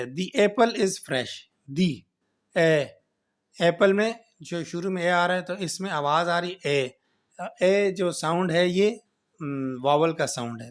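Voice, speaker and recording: A man teaching an English grammar lesson, explaining slowly, repeating points and often checking with "right?". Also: high voice. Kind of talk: classroom lecture.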